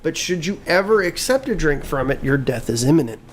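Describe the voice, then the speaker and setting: A man with a fairly high voice tells a spooky legend in a loose, rambling way. He stops and starts often and fills the gaps with fillers. A faint hiss of noise sits under his voice. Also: sing-song. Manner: rambling, halting with many fillers. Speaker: co-host. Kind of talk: casual chat, storytelling.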